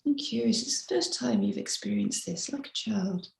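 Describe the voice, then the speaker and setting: A mindfulness teacher leads a body scan meditation, her instructions soft and unhurried. She speaks at a middle pitch with heavy vocal fry, and the recording has a noticeably echoey, roomy sound.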